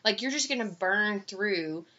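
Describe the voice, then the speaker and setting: A woman's voice: medium pitch, animated, a little slow, bright, forceful tone, dull audio. A woman in her twenties in casual chat, blunt and swearing freely, laughing often. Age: 20s.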